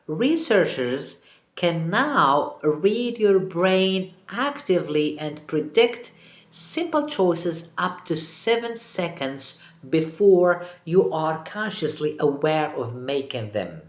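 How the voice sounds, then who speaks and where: Low, lively woman narrating an essay. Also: slow, reverberant. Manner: wry, conversational storytelling. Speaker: video essay host. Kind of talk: scripted narration.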